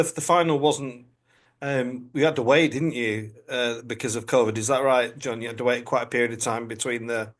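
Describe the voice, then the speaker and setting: A man at an ordinary pitch hosts a podcast interview. He is a priest and asks his questions in a loose, conversational way, often restarting his sentences.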